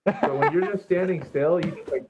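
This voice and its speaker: A man chatting casually as an interview guest, laid-back and halting, leaning on filler words, on dull lo-fi audio. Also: on the high side, a little hiss or hum. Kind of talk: casual chat.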